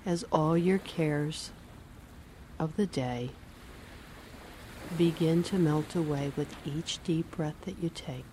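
A woman reading a guided relaxation and hypnosis script in a slow, soothing, measured way. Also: deep voice, dark tone, slight background noise.

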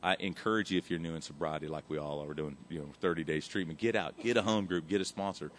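Man, 30s, low-pitched; candid and emotional recovery testimony, rambling and salty. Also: fast talker, fairly bright tone, slight background noise. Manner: emotional, rambling, says "man" a lot, swears casually. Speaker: recovery speaker sharing his story.

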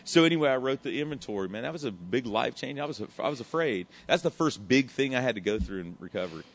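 A man's voice: medium pitch, expressive, quick pace. A man, sharing his recovery story in a candid, emotional, rambling way, often saying "man" and swearing casually. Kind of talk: candid personal testimony.

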